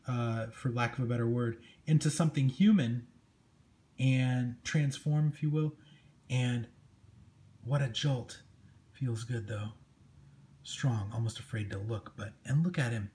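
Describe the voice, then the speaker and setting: This comic book show host has a medium-pitched, darkish voice and speaks slowly with long pauses. He reviews a comic in a casual, conversational and enthusiastic way as he works through the pages, recorded amateurishly with clear noise and room ambience.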